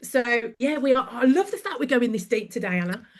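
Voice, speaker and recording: A woman's voice: a little high, big pitch swings, fairly quick. A woman with a Birmingham accent, a podcast guest who tells stories with animation and laughs easily. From England. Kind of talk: podcast conversation.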